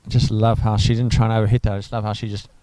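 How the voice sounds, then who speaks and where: Male cricket commentator, low mellow voice, dry close sound, rambling and chatty. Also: flat delivery, very fast, no echo, rough recording. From South Africa. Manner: chatty, rambling, enthusiastic asides. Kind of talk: live sports commentary.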